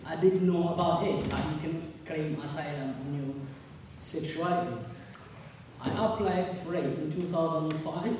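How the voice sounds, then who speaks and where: Man, mellow voice in an echoey hall. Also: fairly high pitch, far from the mic, slight background noise. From Uganda. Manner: earnest, halting, repeats words. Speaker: speaker at a public meeting. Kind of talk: personal testimony.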